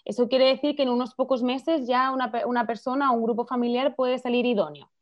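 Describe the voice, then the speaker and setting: In long, earnest explanations strung with many clauses, a woman with a non-Chilean Spanish accent, a filmmaker and campaign director, fluently answers a radio interviewer's questions. She speaks briskly in a steady, slightly high voice. The lo-fi radio audio is dull and dry, with no echo.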